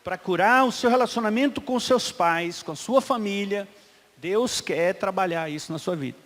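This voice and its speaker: A middle-aged man preaches a sermon in a church, his voice pitched high. He swings between loud, emphatic calls and quiet, hushed asides, and the hall adds a long reverb to every phrase. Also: normal speed. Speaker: pastor.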